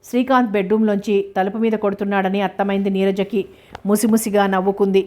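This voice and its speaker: A woman reads a novel aloud as its narrator. Her delivery is steady and even, with pitch in the middle range and very little rise and fall. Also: quick pace. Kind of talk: novel reading.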